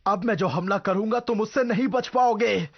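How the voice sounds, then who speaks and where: A man's voice: high-pitched, normal speed, lo-fi sound. An actor voicing a boastful, over-earnest male cartoon fighter with a theatrical delivery. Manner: theatrical, bragging. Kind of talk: animated cartoon dub.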